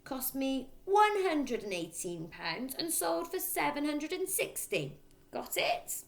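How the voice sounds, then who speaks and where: Woman playing a loud, smug, swooping boastful father. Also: high voice, very animated, takes it slowly, gravelly, pitched above the performer's own voice, full character voice. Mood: dictating. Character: boastful, crooked middle-aged father, a used-car dealer.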